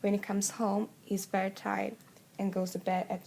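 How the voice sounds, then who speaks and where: A woman's voice: mid-range voice, flat delivery, moderate pace, gravelly, darkish tone, a little hiss or hum. Teen girl reading a school presentation. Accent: Swedish. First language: Swedish. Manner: reads from a script with small slips. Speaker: student presenter. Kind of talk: school presentation read aloud.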